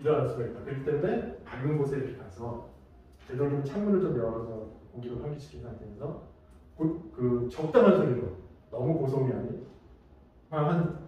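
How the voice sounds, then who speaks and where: Lively man lecturing in an echoey hall. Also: a little high, highs cut off. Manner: lively storytelling with acted-out examples. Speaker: safety instructor. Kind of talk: training lecture. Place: large lecture room. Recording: echoey hall, mic far off.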